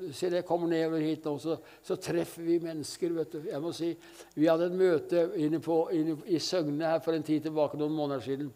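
A man's voice: fairly high pitch, warm tone. An older man preaching a sermon at a church meeting, telling stories fervently and breaking in with frequent hallelujahs. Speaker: evangelist preacher.

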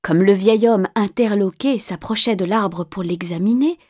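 A woman narrating a fairy tale in a calm, measured voice that sometimes drops to a hushed whisper. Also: medium pitch, slight background noise. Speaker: storyteller. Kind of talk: storybook narration. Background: faint music.

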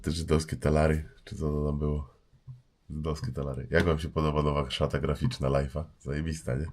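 Stream host, man, very low husky voice, blocked nose, laid-back joking chat from a home desk mic. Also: little pitch movement, a little fast, darkish tone. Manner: loose, joking, greets chat by name. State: stuffy nose from a cold. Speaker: livestream host. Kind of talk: casual livestream chat.

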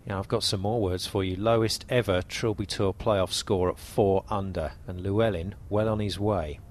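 A man's voice: sits low, steady tone, normal speed, a little hiss or hum. A man commentating on a golf tournament, summing up the state of play.

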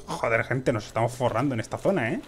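A young man from giving excitable let's play commentary to his viewers, swearing often. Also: medium pitch, quick pace, a little hiss or hum. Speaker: gaming video host.

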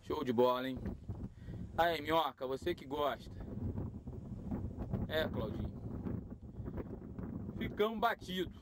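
A man giving a casual, excited running commentary outdoors on a windy shore, filming on a phone and calling out to friends. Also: on the high side, slow, long pauses. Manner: excited, swearing, calls out to friends. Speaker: balloon chaser filming. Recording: loud wind noise outdoors.

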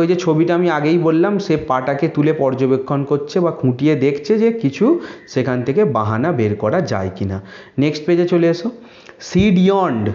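Male teacher slowly reading and explaining lines. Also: a little high, warm tone. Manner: reads English lines slowly, then explains them. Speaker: English teacher. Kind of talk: line-by-line lesson explaining an English story. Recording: echoey, dull lo-fi room recording.

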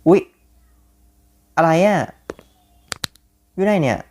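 A young man giving jumpy, excitable commentary on a horror game, often repeating words when startled. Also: sits high, takes it slowly, slight background noise. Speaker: gaming YouTuber.

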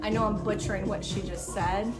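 An upbeat, chatty woman hosts a casual local interview and tastes food on camera. She speaks at an average pitch with a gushing, friendly manner. Music plays clearly under her voice. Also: fairly even intonation, a little fast, rough recording. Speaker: host.

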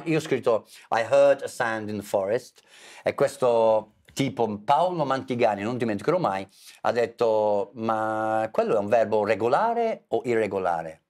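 An English teacher being interviewed, a man speaking Italian with a clear English accent. He tells stories with energy and slips into little acted voices when he quotes people. His voice sits at an ordinary middle pitch. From England. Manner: animated storyteller, mimics voices in quotes. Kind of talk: interview conversation.

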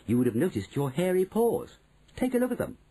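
Male narrator playing sensible boy mouse, storybook dialogue, earnest, explaining, very animated pitch, husky. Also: fairly quick, full character voice, poor audio. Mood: insistent. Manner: earnest, reasoning, patiently explaining. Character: sensible, matter-of-fact young boy turned mouse.

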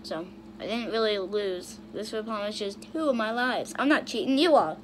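A woman's voice: medium pitch, expressive, moderate pace, a little hiss or hum. A young woman casually commenting on funny videos, bursting into shrieks and then muttering to herself. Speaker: YouTuber reacting to videos.

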